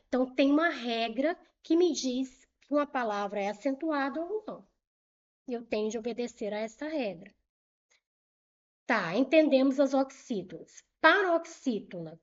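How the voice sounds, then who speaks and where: A woman's voice: sits high, animated, moderate pace, darkish tone, muffled recording. A woman with a Brazilian Portuguese accent teaching a grammar lesson for exam prep, patiently repeating rules and asking and answering her own questions.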